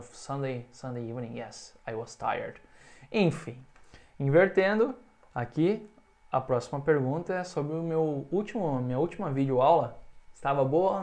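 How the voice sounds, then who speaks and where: A man's voice: fairly high pitch, a little mellow. A man with a Brazilian Portuguese accent, teaching English in a video lesson and stretching out example phrases for the learner to repeat.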